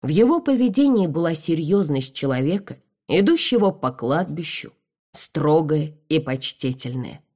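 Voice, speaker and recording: A woman narrating a dramatic first-person audiobook in an expressive way. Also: deep voice, moderate pace.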